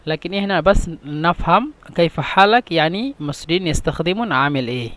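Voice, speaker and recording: A man gives a language lesson in a notably high voice. He goes slowly and repeats each phrase again and again for his students. The sound is close and dry, with no room echo. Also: animated, fairly bright tone. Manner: patient, repeats each phrase several times. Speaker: Arabic teacher. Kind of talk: classroom-style language lesson.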